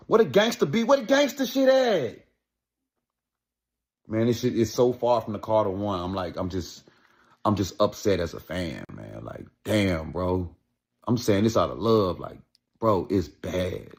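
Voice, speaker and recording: A man ranting in a video, exasperated and emphatic, swinging between a low grumble and loud outbursts. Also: sing-song, measured pace.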